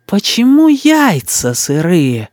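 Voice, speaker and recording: A man voicing a spoiled, bossy little boy who whines and demands in a shrill, drawn-out voice. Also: wildly swooping pitch, darkish tone, no room sound, studio quality, exaggerated voice. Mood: demanding.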